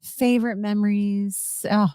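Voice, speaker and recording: A woman's voice: mid-range voice, little pitch movement, a little slow, dark tone, clear, resonant tone, no room sound, studio quality. A woman hosting a podcast in a casual, upbeat, chatty way, enthusing about products. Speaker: podcast host. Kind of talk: casual chat.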